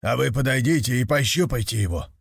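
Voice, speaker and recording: A man's voice: medium pitch, lively intonation, quick pace, gravelly, slightly rough, no echo, studio quality. A man voicing a proud, commanding elephant rider in a fable.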